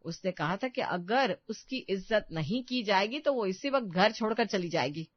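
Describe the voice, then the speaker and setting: A woman's voice: medium pitch, animated, normal speed, dry recording, dull audio, lightly acted. A woman voicing an older mother-in-law in a cartoon story, scolding but affectionate. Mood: coaxing.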